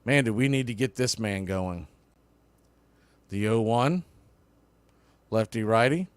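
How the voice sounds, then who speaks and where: Slow and lowish, this man's clean voice gives clipped live play-by-play of a baseball game for a fan stream, folksy and openly rooting for the home side. The recording is dry.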